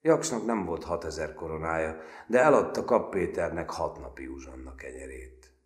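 Man, audiobook narration, very deep voice, lively intonation, measured storytelling, echoey room.

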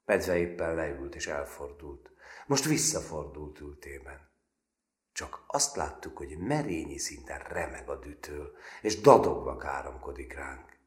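A man reading a literary novel aloud as an audiobook narrator, in a measured storytelling manner. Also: rumbling low, lively intonation, reverberant. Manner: measured storytelling, brief voices for dialogue.

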